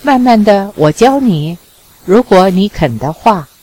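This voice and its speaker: A woman's voice: medium pitch, expressive, measured pace, darkish tone, no echo, low-quality recording. Woman reading as a teasing young charmer. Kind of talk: audiobook reading.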